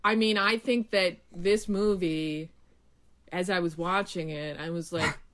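A woman's voice: on the low side, fairly even intonation, unhurried, a bit bright. A woman co-hosting a casual podcast chat, wry and hesitant, giving frank opinions. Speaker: podcast co-host.

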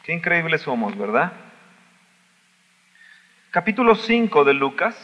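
A man preaching a sermon as pastor, swinging between loud cries and soft asides. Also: a little high, very animated, measured pace, in a large hall, lo-fi sound. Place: church sanctuary.

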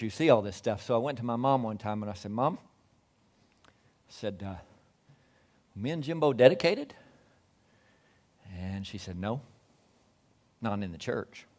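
A man in his sixties preaching a sermon, telling Bible stories, acting out the voices and rising loud at the high points. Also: a little fast, pauses often. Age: 60s. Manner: storytelling preacher who acts out voices and swells loud at climaxes. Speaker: pastor.

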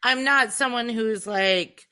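A woman's voice: on the high side, takes it slowly, bright, forceful tone. A woman co-hosting a podcast, talking candidly in casual chat, swearing freely and leaning on fillers like "like" and "um". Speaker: podcast co-host.

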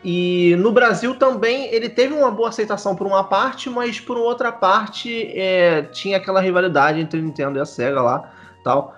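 A man's voice: sits high, moderate pace, a bit bright, highs cut off, soft background music. A man with a Brazilian Portuguese accent chatting casually as a podcast guest. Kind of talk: casual chat.

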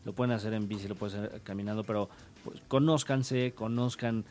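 A man hosting a casual radio interview, relaxed and loose, with many fillers and trailing phrases. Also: lowish voice, fairly quick, slight background noise. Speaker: radio show host.

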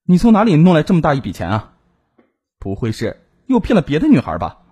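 A shrill jilted young woman, as a man puts her on. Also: huge pitch swings, fast talker, a little mellow, slightly rough, exaggerated voice. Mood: scornful. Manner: shrill accusing tirade. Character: jilted furious young woman demanding money.

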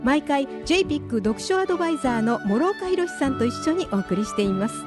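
A woman's voice: high voice, animated, quick pace, music in the background. A woman hosting a radio talk show, chatting politely and attentively and laughing easily. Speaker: radio host.

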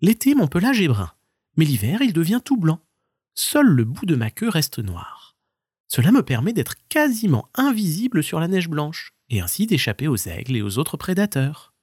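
A man's voice: a little high, big pitch swings, moderate pace, darkish tone, breathy edge, no room sound, studio quality, voice pushed up. A man putting on a chirpy friendly young stoat. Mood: eager, friendly. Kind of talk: children's storybook reading.

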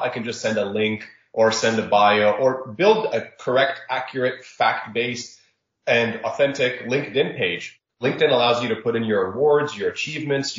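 A man who was born in Saudi Arabia, giving reflective, measured interview answers as a startup founder. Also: medium pitch. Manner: reflective, measured, sprinkles religious phrases. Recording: roomy, dull lo-fi audio.

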